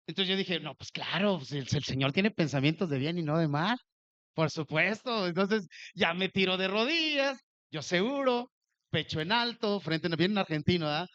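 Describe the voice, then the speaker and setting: A man preaching a sermon, telling a personal story with animated delivery and acting out the dialogue. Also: high voice, normal speed, lo-fi sound.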